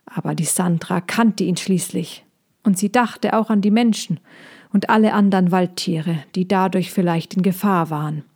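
A woman reading a children's story aloud in a calm, unhurried manner. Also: lowish voice.

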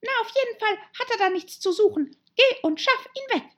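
Woman doing a squeaky, bossy storybook rabbit, lively and shrill. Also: brisk. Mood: irritated. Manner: shrill, scolding, shouting commands. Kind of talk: audiobook character voice.

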